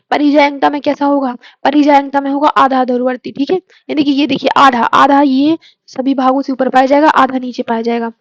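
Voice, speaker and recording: A hoarse woman with a cold teaches biology for exams, asking questions and answering them herself and chanting memory tricks slowly. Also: high voice, no room sound, dull audio. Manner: slows down to chant mnemonic lines. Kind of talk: exam-prep lesson with memory tricks.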